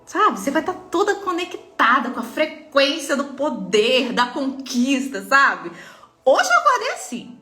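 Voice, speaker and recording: With a Brazilian Portuguese accent, a woman acting as a mentor delivers an inspirational faith talk straight to her listeners, earnest and emphatic. Her voice sits high with wildly swooping pitch, an unhurried pace, and a sharp tone. The room is echoey, with faint music in the background.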